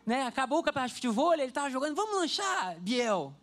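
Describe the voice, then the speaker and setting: A man's voice: very high voice, fast talker. A male pastor giving a conversational sermon in church, telling personal stories and speaking straight to the congregation. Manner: lively storyteller, speaks directly to the congregation. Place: church service before a congregation.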